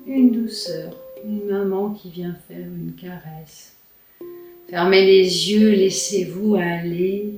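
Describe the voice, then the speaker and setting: A woman giving guided relaxation instruction as a face yoga teacher, in a soft, soothing, unhurried manner. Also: on the low side. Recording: roomy echo, distant mic, music. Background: music.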